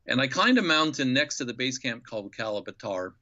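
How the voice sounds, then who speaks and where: A man in his fifties from Nebraska, a podcast guest telling a travel story with animated enthusiasm. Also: mid-range voice, brisk, highs cut off. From Nebraska, USA. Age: 50s. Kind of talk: storytelling interview.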